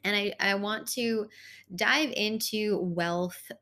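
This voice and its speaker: A woman born in Italy, raised in the United States, and whose first language is Hungarian hosts an unscripted solo spiritual podcast. Her mid-range voice is slow, pushed, and bright, and she rambles self-awarely with frequent fillers.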